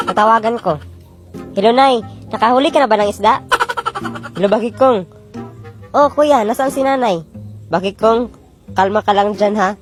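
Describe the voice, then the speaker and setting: A woman telling comic skit stories and switching between several characters, loud and shouty in arguments. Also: on the high side, moderate pace, long pauses. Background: music.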